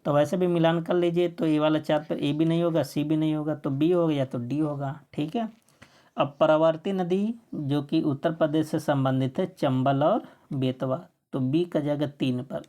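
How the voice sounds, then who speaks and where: Woman, coaching teacher, low voice, mellow tone, asks and answers own questions, quiz walkthrough. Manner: asks questions and answers them herself, often saying "theek hai"; corrects her own slips mid-sentence.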